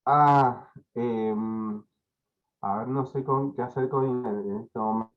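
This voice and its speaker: A man's voice: medium pitch, steady tone, a little slow. A man giving an online lecture over a breaking-up internet connection, hesitant, with many fillers and repeated words. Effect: choppy, breaking-up internet connection. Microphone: video call. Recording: tinny, choppy online call audio.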